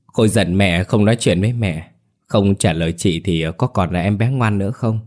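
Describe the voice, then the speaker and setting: A man voicing a young mother who coaxes her brother gently and anxiously. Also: on the low side, normal speed, close to an everyday voice. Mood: coaxing.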